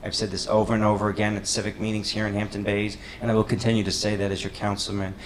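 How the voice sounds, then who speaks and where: A councilman with a New York accent giving an earnest, measured opening statement at a debate. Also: fairly low pitch, little pitch movement, a little hiss or hum, low-quality recording. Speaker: town councilman and candidate. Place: public meeting hall.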